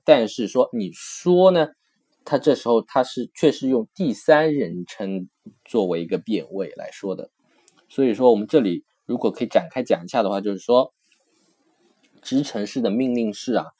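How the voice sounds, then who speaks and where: Low-voiced man explaining a language lesson. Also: a little mellow, slightly rough. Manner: patient, repeats phrases several times while explaining; mixes in English comparisons. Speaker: Italian language teacher. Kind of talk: recorded textbook lesson explanation.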